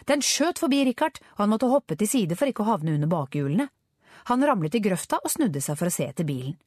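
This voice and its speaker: A woman narrating a children's adventure story with expressive storytelling. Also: mid-range voice, husky, no echo, clean studio sound. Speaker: audiobook narrator. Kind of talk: scripted narration.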